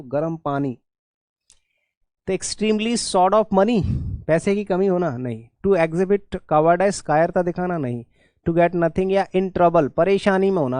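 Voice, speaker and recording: A man's voice: on the high side, darkish tone, no room sound. A middle-aged Indian man, an English teacher, explaining exam idioms in an online class and mixing in Hindi with a teasing, scolding manner. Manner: switches between English and Hindi explanations, scolds students jokingly.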